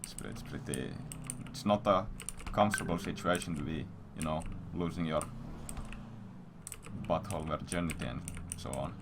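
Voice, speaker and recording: For his stream viewers, a man with a very deep voice casually rambles through a filthy, profanity-strewn anecdote at a moderate pace in streamer style. Computer keys clack behind him amid clear background noise.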